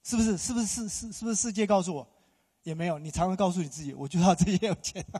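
A man's voice: sits high, racing, dark tone, breathy edge. A middle-aged male pastor preaching a sermon, emphatic, firing rhetorical questions at the congregation. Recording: long hall reverb.

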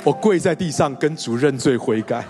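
A man's voice: a little high, expressive, normal speed, music in the background. A male pastor telling a story in a sermon to his congregation, acting out quotes and laughing along with them. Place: church hall with congregation.

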